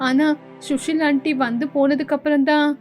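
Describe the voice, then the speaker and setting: Brief: woman playing a young daughter-in-law, earnest and pleading, high voice, cartoon story. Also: flat delivery, normal speed, faint music behind, close to an everyday voice. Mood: hurt. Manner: pleading, reasoning. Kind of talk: storybook voice acting.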